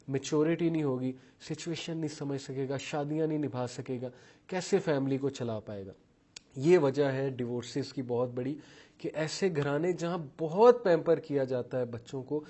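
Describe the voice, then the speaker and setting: A man's voice: on the high side, mellow. A man giving a talk on parenting styles, listing traits one by one and mixing English terms into his speech, acting out what parents and children say in his examples. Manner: acts out parents' and children's words while telling examples. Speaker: parenting lecturer.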